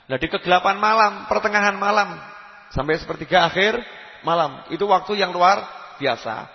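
A man giving a religious lecture, lively and emphatic, dropping to soft asides. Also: high voice, normal speed. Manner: lively preaching, rising to emphatic calls, drops to soft asides. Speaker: preacher. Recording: lo-fi reverberant hall recording.

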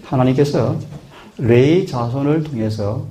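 A man's voice: medium pitch, unhurried, warm tone. A man preaching a sermon in an earnest manner, often putting questions to his listeners. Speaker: pastor.

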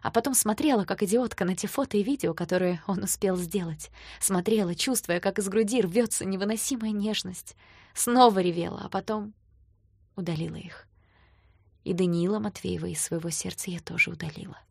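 A woman narrating a first-person novel with an expressive, emotional reading. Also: medium pitch, brisk, creaky, husky, dry recording, clean studio sound. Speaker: audiobook narrator.

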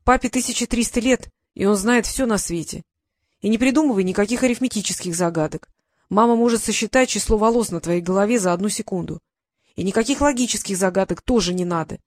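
A woman's voice: medium pitch, fast, darkish tone, no room sound, close to an everyday voice. A timid young dragon boy from a storybook, apologetic and downcast, as a woman reads him. Close, dry recording. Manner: guilty, sad.

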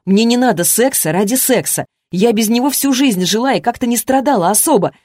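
Woman reading flustered young heroine, raised exclaiming voice, higher, dry close sound. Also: animated, fairly quick, darkish tone, no echo. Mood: flustered, protesting.

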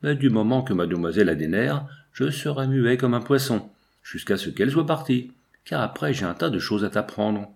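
A man's voice: medium pitch, lively intonation, gravelly, a little mellow. A man reading a brash young male art student who rambles on without stopping. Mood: indignant. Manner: rapid, unstoppable rambling.

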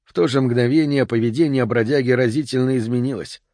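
A male audiobook narrator with a mid-pitched voice, reading in a measured, expressive manner. The recording is dry and close, with no room sound. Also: dry recording.

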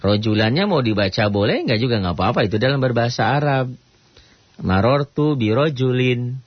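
A man with an Indonesian accent teaching a radio tajwid lesson, explaining casually and breaking into slow melodic Quran recitation. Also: medium pitch, lively intonation, slightly rough, dry recording. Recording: dull lo-fi radio recording.

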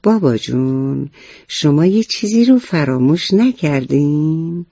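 A man's voice: on the high side, lively intonation, vocal fry, mellow, no echo, lo-fi sound. A man voicing an earnest young schoolboy who lectures his parents about safety rules, in a storybook reading. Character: earnest rule-minded schoolboy, first grader.

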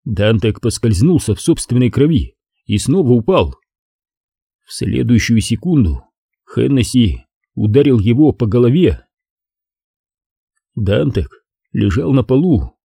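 Mellow, husky male audiobook narrator. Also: mid-range voice, unhurried, pauses often, dry recording, studio quality. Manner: expressive, tense storytelling. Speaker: audiobook reader.

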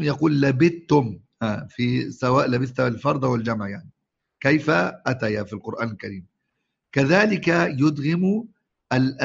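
A man with an Egyptian accent teaches a Quran recitation lesson in a gravelly, husky voice. He talks slowly and patiently, drawing out the quoted words and asking his listeners again and again whether they follow. The recording sounds dull and lo-fi. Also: a little high. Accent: Egyptian Arabic. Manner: explains slowly, repeats and drawls quoted words, quizzes listeners. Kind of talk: religious lesson.

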